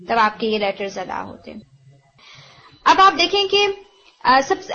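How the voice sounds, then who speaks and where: A woman's voice: sits high, fairly bright tone, dull audio. A woman teaching Quranic letter pronunciation, patiently explaining and repeating points and mixing in English words. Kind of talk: explanatory lesson on letter articulation.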